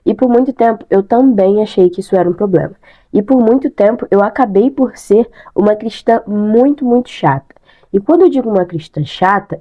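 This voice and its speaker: Young brazilian woman vlogging, stuffed up nose, sore throat, mellow voice, chatty, repeats stuff for emphasis. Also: mid-range voice, dull audio. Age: young adult. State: congested with sinusitis and a bad throat. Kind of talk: casual chat to camera.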